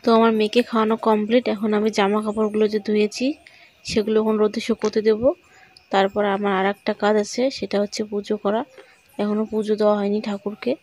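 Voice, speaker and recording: Speaking fast in a mid-range, darkish voice with a completely flat delivery, a young woman vlogs casually about her daily chores and her two daughters. The setting is her home and a courtyard beside a water tap.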